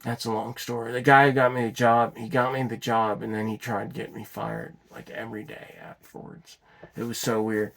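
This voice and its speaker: Average-pitched man, off-the-cuff storyteller, loose and rambling with some cursing. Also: little pitch movement, moderate pace, vocal fry, fairly bright tone. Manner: rambling, with restarts and swearing. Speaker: vlogger telling his story. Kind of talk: unscripted personal storytelling.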